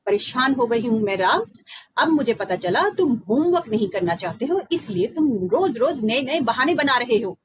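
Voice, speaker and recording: A woman's voice: high voice, sing-song, a little slow, few pauses, distant mic, voice pushed up. A woman voicing a loving mother in a children's story who soothes and also scolds. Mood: scolding. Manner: soothing, then scolding sharply. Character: loving but fed-up mother.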